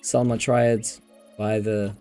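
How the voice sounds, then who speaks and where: A man's voice: fairly low pitch, level tone, slow pace, mellow. A man streaming a game live, chatting casually with his viewers and calling them bro and dude. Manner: laid-back, says bro and dude, talks to chat. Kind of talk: casual live gaming chat. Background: game music.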